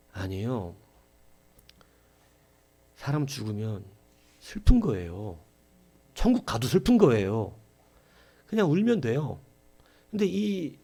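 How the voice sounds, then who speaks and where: Impassioned gravelly male preacher. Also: on the high side. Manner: impassioned preaching, swinging from hushed to shouting; acts out quoted voices. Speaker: pastor. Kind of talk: Sunday sermon.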